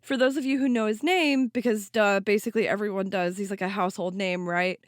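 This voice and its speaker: A woman's voice: mid-range voice, steady tone, brisk, no echo, clean studio sound. A woman co-hosting a podcast, explaining science in a casual, chatty way with some swearing. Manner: casual, swears, laughs often. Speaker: podcast co-host.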